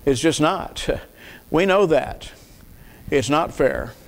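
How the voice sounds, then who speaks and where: Older pastor preaching from the pulpit. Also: male voice, on the high side, expressive, very slow, creaky. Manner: earnest, asks the congregation questions, repeats words. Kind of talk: sermon. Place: church sanctuary, at a wooden pulpit. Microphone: pulpit mic. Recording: long reverb of a church hall.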